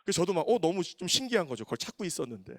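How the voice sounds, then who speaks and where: A man in his thirties preaching, telling a personal story with animated, emotional delivery and acted quotes. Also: sits high, racing, no echo, clean studio sound. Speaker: pastor. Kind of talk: storytelling sermon.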